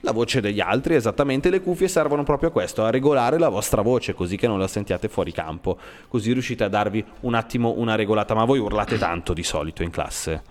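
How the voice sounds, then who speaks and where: A man's voice: lowish voice, lively intonation, fast talker, hardly any pauses. Man coaching kids on air, reverberant room. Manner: encouraging, prompting with questions. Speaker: radio host leading a school podcast session. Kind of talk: friendly coaching chat with children. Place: school room set up for recording. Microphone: studio microphone with headphones.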